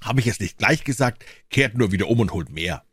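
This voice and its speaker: A man's voice: fairly low pitch, animated, fairly quick, a bit bright, breathy edge, dry recording. A man voicing a bold, cheeky young soldier who talks back with mockery. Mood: defiant. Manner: defiant, mocking.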